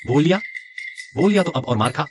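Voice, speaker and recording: A man's voice: on the high side, lively intonation, a little fast, a little hiss or hum, close to an everyday voice. A young man voicing a bold, cocky fighter in a dubbed drama, with a taunting delivery. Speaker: dub voice actor. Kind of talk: Hindi drama dubbing.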